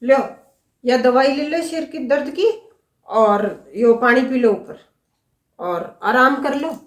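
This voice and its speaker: A woman's voice: high-pitched, takes it slowly, echoey room. A woman playing a fussing mother-in-law. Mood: caring. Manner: fussing, homely. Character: caring middle-aged mother-in-law, homely and fussing.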